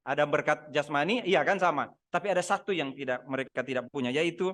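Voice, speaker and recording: A middle-aged man preaching a sermon over a video call, animated, acting out people's complaints and firing rhetorical questions at the congregation. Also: fairly high pitch, fast talker. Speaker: pastor.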